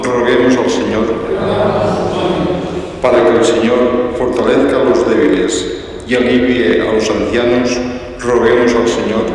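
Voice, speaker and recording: Guy reading prayers at mass, far off the mic, steady, cathedral echo all over it. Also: mid-range voice, slight background noise. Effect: cathedral echo, distant in a church. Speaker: lay reader of the prayers of the faithful. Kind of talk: liturgical intercessions. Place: large church. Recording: distant voice in echoey church with long reverb.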